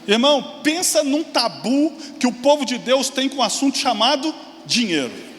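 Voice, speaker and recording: The large church hall gives this pastor's sermon a long, ringing reverb, with a faint hum of room noise underneath. He is in his forties, and his very high, lively voice swings between excited exclamations and quick asides.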